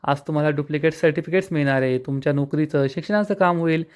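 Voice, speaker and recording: A cheeky young husband who jokes and coaxes, as a male narrator quotes him. He has a playful, persuasive delivery that sits a little higher than a plain speaking voice. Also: quick pace, clear, resonant tone, lightly acted.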